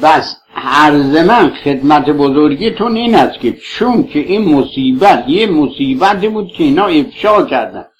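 A man preaches a religious sermon in a fervent, declaiming manner. His voice sits notably high. He piles up rhetorical questions, swinging between loud appeals and quiet passages. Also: a little hiss or hum, rough recording.

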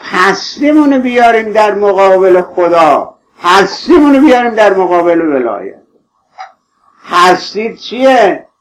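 A man's voice: sits high, big pitch swings, rough recording. A man preaching a sermon, impassioned and pleading, tenderly addressing his listeners.

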